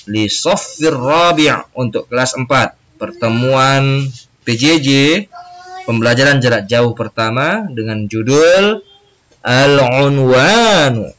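A man's voice: mid-range voice, expressive, a little slow, a bit bright. A man with an Indonesian accent teaching a recorded Arabic lesson for children, drawing out words and repeating them for pupils to echo.

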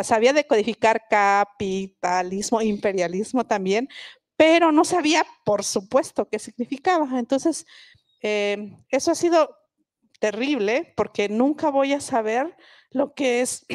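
Speaking at a book festival as a guest, this Mixe-speaking linguist from Oaxaca has a somewhat high, faintly mellow voice with no echo around it. She reflects aloud and explains, frequently starting over, in a dry, close recording.

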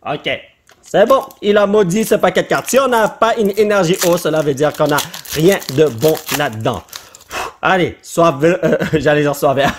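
A man with a Québécois French accent who talks in a high voice, his pitch leaping up and down as he comments excitedly. He is playful and drops English slang between his French phrases. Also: a little hiss or hum. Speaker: YouTuber opening card packs.

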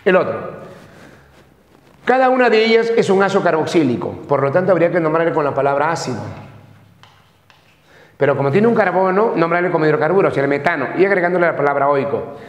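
A man's voice: on the high side, animated, quick pace, long pauses. A man from Peru lecturing a chemistry class, who repeats each term and keeps checking that the students follow. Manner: repeats terms, checks with frequent questions. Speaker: chemistry teacher. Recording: echoey classroom with long reverb.

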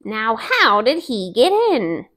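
A woman's voice: fairly high pitch, wildly swooping pitch, slow pace, sharp tone, full character voice. A woman voicing a suspicious, scheming male storybook fox, irritable and emphatic. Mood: indignant.

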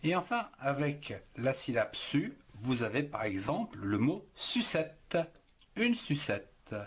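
Very slow, lively-pitched man spelling words. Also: breathy edge. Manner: spells words letter by letter, deliberate teacherly. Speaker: writing teacher. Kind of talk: slow spelling and syllable lesson.

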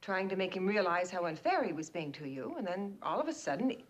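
A fussy, bossy middle-aged wife. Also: female voice, fairly low pitch, very animated, fast, muffled recording. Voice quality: fussy and instructive. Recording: hissy old TV soundtrack.

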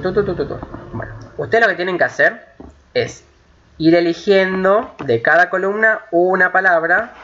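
Man, English teacher, bright and slightly high voice, patient and repetitive, dull lo-fi recording with faint hiss. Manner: patient, repetitive, checks understanding with frequent "ok?"; switches between Spanish and slow, carefully spoken English. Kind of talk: recorded online lesson explaining grammar.

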